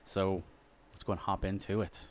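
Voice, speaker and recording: A man's voice: low-pitched, level tone, normal speed, a little hiss or hum. A man hosting a casual let's play, reading item descriptions aloud and muttering asides as he shops. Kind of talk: casual gameplay commentary.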